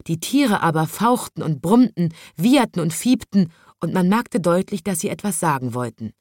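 Woman narrator for a children's story, slow and clear, low voice, very dry close sound. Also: lively intonation, a little mellow, dry recording.

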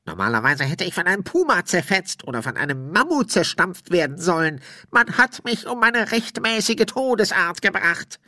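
A man's voice: high-pitched, big pitch swings, moderate pace, few pauses, sharp tone, no echo, clean studio sound, pitched above the performer's own voice, exaggerated voice. A man voicing a drunken, thirsty male ghost who whines and dodges questions. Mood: whining. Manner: whining, self-pitying.

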